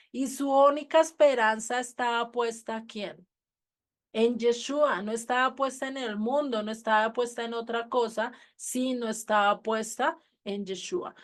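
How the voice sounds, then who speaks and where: A woman teaching a Bible study in a conversational way, asking the listener questions and acting out the quoted lines. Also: fairly high pitch. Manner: conversational, asks the listener questions and answers them; acts out the quoted lines in the stories.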